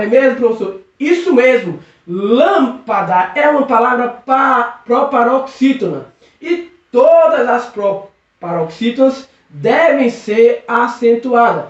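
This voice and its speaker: A man teaching a recorded video lesson, patiently drawing out syllables and checking in with "okay?" again and again. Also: very high voice. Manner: patient, drawn-out stressing of syllables, constant check-ins. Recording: echoey room, distant muffled mic.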